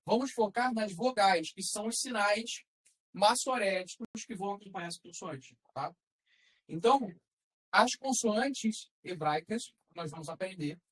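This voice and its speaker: A woman's voice: mid-range voice, poor audio. Patient woman teaching a class. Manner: patient, explains step by step with check-in questions. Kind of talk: classroom lesson.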